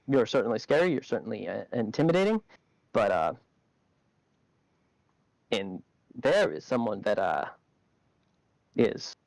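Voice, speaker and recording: A halting, unimpressed townsman, voiced by a man brushes off a threat. His speech is slow and full of pauses. The sound is dry and close. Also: medium pitch, no echo, poor audio. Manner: hesitant, halting.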